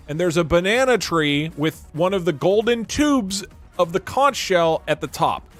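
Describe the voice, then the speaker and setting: A man giving casual, joking commentary while playing a game, laughing often. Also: high voice. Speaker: streamer.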